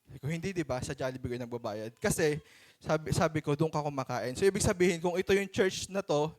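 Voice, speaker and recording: A Filipino man preaching a sermon to his church in a conversational, animated way, acting out stories. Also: a little high, fast talker.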